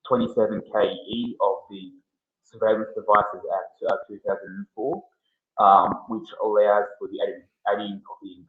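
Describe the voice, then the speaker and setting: A man explaining legal points haltingly in a casual podcast discussion, his voice crackling through a loose mic cable. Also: lowish voice. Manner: explains law points haltingly, with frequent restarts. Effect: crackling, cutting-out loose mic cable. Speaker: podcast co-host. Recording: tinny, phone-like crackling mic.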